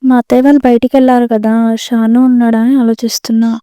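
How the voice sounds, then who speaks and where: A woman's voice: fairly high pitch, level tone, rapid-fire, dark tone, smooth, dry recording, studio quality, close to an everyday voice. An actress playing a young mother who coaxes and soothes her crying baby in a short film. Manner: tender, worried, coaxing.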